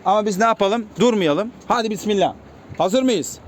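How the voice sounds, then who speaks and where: A man keeping pigeons, talking casually to his viewers and calling to the birds with quick repeated commands. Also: high voice. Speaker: pigeon keeper vlogger. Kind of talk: casual vlog talk to viewers. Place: outdoors on a rooftop pigeon loft. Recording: faint outdoor noise. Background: birds and city sounds.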